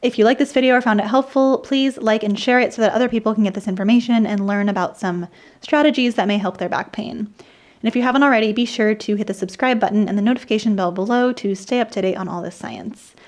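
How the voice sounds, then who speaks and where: A woman presenting an explainer video, her voice dry and croaky, dropping into vocal fry at the ends of sentences. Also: a little high, fast talker. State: dry, croaky, irritated throat. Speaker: host of an explainer video channel. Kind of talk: scripted explainer narration with personal asides.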